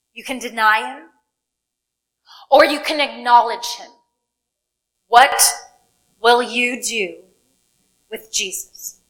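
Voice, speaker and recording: A woman pastor delivering an Easter sermon in a church sanctuary, preaching with dramatic pauses and rising emphasis. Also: high-pitched, a bit bright, poor audio.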